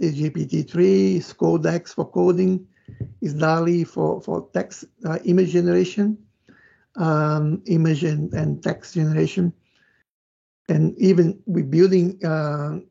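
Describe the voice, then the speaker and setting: Speaking Portuguese as his first language, a man from Brazil talks through a casual tech presentation with a Brazilian accent and loose, conversational phrasing. He has a high-ish, warm voice with vocal fry and a breathy edge, captured in muffled, dull lo-fi sound.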